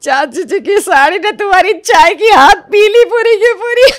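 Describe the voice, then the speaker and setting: A woman's voice: fairly high pitch, lively intonation, a little slow. A woman voicing a teasing, giggly elder sister-in-law in a cartoon story. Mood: amused.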